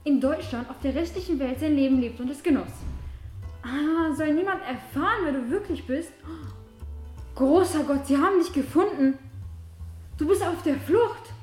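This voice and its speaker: A woman's voice: high voice, moderate pace, a little mellow, lightly acted. A woman playing a bitter vengeful young woman. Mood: furious. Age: young adult. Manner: cold, accusing, cutting. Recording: echoey room with music behind.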